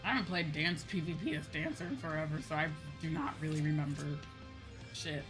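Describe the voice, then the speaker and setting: With music in the background, a woman chats with viewers on her live gaming stream, rambling in a casual, expressive way. She speaks a little fast in a low-pitched, animated voice.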